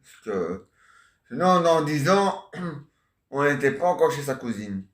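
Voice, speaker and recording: A man playing a chatty middle-aged husband who grumbles about his wife, rambling and often clearing his throat. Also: medium pitch, big pitch swings, takes it slowly, reverberant. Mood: grumbling. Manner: rambling, repeats himself, frequent throat clearing. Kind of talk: homemade comic character sketch.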